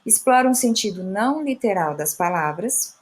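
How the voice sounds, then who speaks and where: Lady teacher explaining poetry meter, patient, drags out example words, mid pitch. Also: expressive, moderate pace. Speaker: Portuguese teacher. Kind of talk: classroom lesson on poetic meter.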